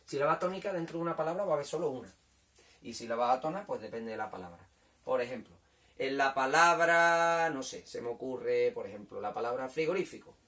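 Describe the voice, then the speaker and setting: A man teaching a children's lesson in a patient, repetitive way, checking understanding often and sounding out syllables slowly. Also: mid-range voice, vocal fry, far from the mic. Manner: patient, repeats points, checks with "¿vale?". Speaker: primary school teacher. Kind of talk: recorded language lesson for children.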